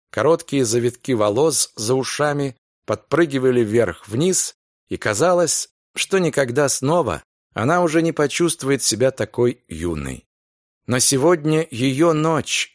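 Expressive man reading a novel aloud. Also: medium pitch, no echo, studio quality. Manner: expressive, unhurried storytelling. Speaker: audiobook narrator. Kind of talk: scripted narration.

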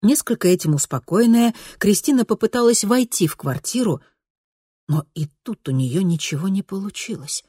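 A woman narrating an audiobook in a steady, expressive storytelling manner. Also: medium pitch, normal speed, breathy edge, no echo, studio quality. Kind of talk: scripted narration.

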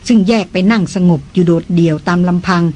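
A narrator reading a novel aloud in a steady, measured way. The voice is husky and sits at a middle pitch. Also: rough recording. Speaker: audiobook narrator. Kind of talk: scripted narration.

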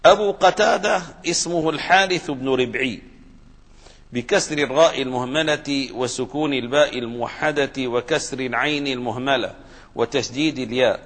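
A man's voice: medium pitch, moderate pace, fairly bright tone. A man giving a religious lesson on hadith commentary, explaining patiently and spelling out the vowels of names with care. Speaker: religious teacher. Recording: reverberant hall.

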